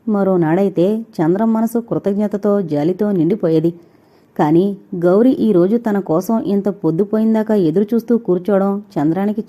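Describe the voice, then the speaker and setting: A woman narrating a novel in a steady, even storytelling manner. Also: medium pitch. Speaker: audiobook narrator.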